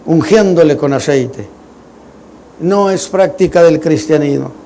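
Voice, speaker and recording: A man's voice: fairly high pitch, measured pace, dark tone, slight background noise. A middle-aged man, preaching a Sunday sermon in a conversational, joking way full of rhetorical questions. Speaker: pastor.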